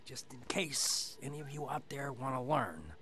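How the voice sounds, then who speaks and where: An actor voicing a smug, foul-mouthed, gleefully sadistic killer doll with a raspy voice, giving gloating in-character commentary on a film. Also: male voice, medium pitch, big pitch swings, moderate pace, close to an everyday voice. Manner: gloating, sardonic, profane.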